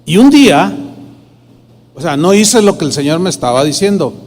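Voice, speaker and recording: A man's voice: high voice, sing-song, moderate pace, darkish tone. A man, a pastor telling a personal testimony in a sermon and acting out the dialogue in quoted voices. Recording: long hall reverb.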